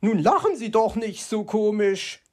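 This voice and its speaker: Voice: mid-range voice, expressive, unhurried, voice pushed up, natural voice. A reader voicing a nosy, know-it-all female magpie who questions and lectures in a storybook reading. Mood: huffy. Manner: bossy, inquisitive.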